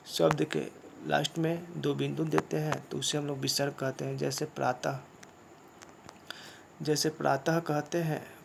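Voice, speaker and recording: A man teaching a grammar lesson, explaining slowly and repeating points, often asking a question and then answering it himself. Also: a little high, vocal fry, background noise. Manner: slow, repetitive explaining with rhetorical questions. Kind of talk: classroom lesson.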